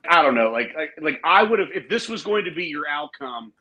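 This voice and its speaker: A man co-hosting a casual wrestling podcast, his voice bright and slightly high. He rambles through his opinions with restarts and asides. He slips into mocking, laughing voices. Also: sing-song, fairly quick, muffled recording, slight background noise. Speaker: podcast co-host. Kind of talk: casual wrestling review chat.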